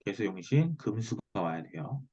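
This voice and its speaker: Husky male teacher on muffled call. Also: on the low side, big pitch swings, moderate pace, mellow. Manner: checks understanding with short tag questions. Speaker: teacher of Korean saju fortune-telling. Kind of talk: one-on-one online lesson, explanatory talk. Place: online video call. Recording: muffled, lo-fi video call audio.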